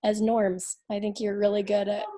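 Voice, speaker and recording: A woman on a video call speaks with a voice worn thin from losing it. Her pitch barely moves, staying flat and even throughout. She speaks in a casual, appreciative way. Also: normal speed.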